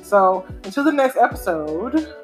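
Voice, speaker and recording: Very animated yet unhurried, a woman co-hosts a podcast from home in a mid-range voice, chatting casually with opinionated flair and a lot of "y'all." Faint music sits behind her.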